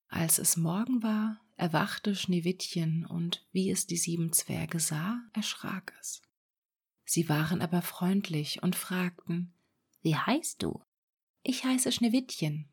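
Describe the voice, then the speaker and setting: A woman reading a fairy tale aloud in a soft, unhurried ASMR whisper. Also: on the low side, gravelly, slightly rough. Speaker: storyteller.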